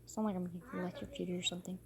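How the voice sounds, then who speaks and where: A woman's voice: fairly low pitch, level tone, fast talker, crowd noise. A woman giving casual, self-mocking gameplay commentary, her voice glitching into a distorted half-robotic sound. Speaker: gaming channel host.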